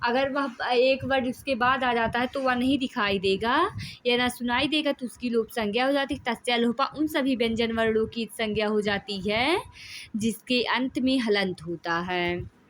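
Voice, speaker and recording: A woman's voice: a little high, normal speed, a bit bright. A woman teaching Sanskrit grammar, reading out rules and then explaining them, drawing out vowel sounds to show their length.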